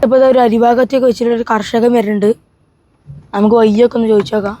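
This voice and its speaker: High-pitched Kerala woman vlogger mixing in English. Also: steady tone, rapid-fire, dark tone. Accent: Kerala Malayali. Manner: Malayalam mixed with English words; repeats enthusiastic filler phrases, addressing viewers. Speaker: travel vlogger. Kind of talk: casual vlog chat to viewers.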